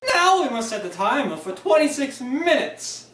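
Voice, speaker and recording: A young man playing a zany over-the-top TV chef in a spoof cooking show, shouting sing-song exclamations in mock foreign phrases, filmed in a home kitchen on a camera a few steps away. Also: very high-pitched, big pitch swings, normal speed, background noise. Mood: manic. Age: young adult. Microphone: phone camera a few steps away. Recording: echoey kitchen, camera from a distance.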